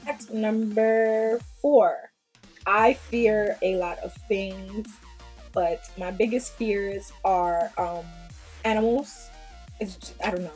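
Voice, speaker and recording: A woman's voice: mid-range voice, takes it slowly, breathy edge, faint music behind. Chatty young New woman vlogging. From Queens, New York. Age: 20s. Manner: chatty, blunt and animated, slips into Jamaican patois phrases. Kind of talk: casual talk to camera. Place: small indoor room before a plain pink backdrop.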